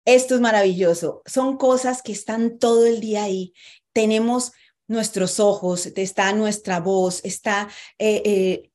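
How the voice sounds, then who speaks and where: A woman's voice: mid-range voice, steady tone, unhurried, darkish tone. A woman coaching writers on body language in an online masterclass, speaking emphatically and addressing her listeners directly.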